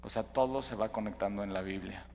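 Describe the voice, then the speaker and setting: A man's voice: on the low side, a little fast, vocal fry, a little mellow, in a large hall. A man, a pastor teaching a Bible study in a conversational way, asking the listener questions and spelling out names.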